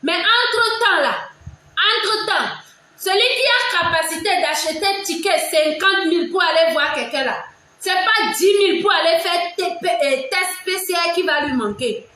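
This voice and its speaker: Loud, high-pitched Togolese woman, casual commentary, very echoey room. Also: lively intonation, moderate pace, a little hiss or hum. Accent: Togolese French. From Togo. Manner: loud, emphatic, repeats herself.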